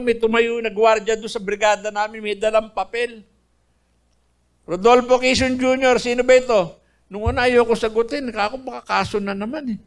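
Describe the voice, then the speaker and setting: Older man, earnest testimony speaker; raised pitch, rough gravelly edge. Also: a bit bright. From Philippines. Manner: earnest storytelling, addressing listeners as brethren. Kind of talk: personal faith testimony.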